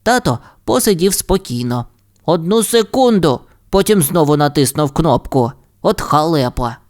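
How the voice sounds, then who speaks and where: A man's voice: on the high side, normal speed. Guy reading a kids fairy tale, playful, voice jumps up and down a lot. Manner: expressive, playful. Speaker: storyteller. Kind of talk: audiobook fairy tale narration.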